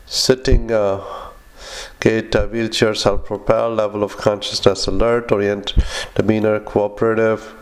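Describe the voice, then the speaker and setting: Low, monotone man giving medical dictation. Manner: flat, halting delivery in clipped phrases. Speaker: clinician dictating patient notes. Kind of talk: medical dictation with spoken punctuation and commands.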